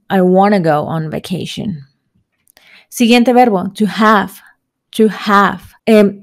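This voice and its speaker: A woman teaching English vocabulary. She says each English example slowly twice and then translates it. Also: mid-range voice, darkish tone. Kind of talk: vocabulary lesson.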